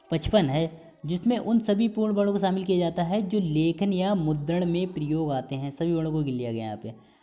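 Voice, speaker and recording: Mellow-voiced man teaching a lesson. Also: sits high, muffled recording. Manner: explanatory, drawn-out sounds to demonstrate pronunciation; mixes in English terms. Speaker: Hindi teacher. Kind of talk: recorded exam-prep lesson.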